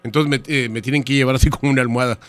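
A man playing a pompous, rambling hotel-owner engineer in a radio prank call, stalling with fillers and spelling things out slowly. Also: medium pitch, steady tone, fairly bright tone, no room sound, voice pushed down, lightly acted. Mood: fussy. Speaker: prank caller.

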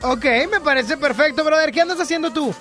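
A man's voice: extremely high pitch, fairly quick. A man with a Mexican accent hosting a casual radio call-in show, playful and teasing with callers. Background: music playing.

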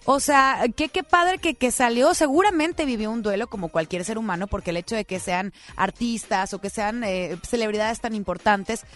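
A woman co-hosting a TV entertainment show, lively and quick to agree in casual chat. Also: on the high side. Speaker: co-host.

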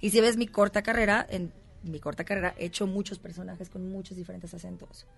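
Chatty actress from Mexico City. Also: female voice, fairly low pitch, gravelly. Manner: animated, laughing, quick storytelling. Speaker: actress guest. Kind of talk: casual interview chat.

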